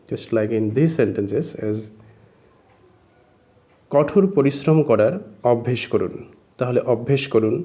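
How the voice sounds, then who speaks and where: A man teaching spoken English, explaining grammar slowly and repeating each phrase word by word. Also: medium pitch, mellow.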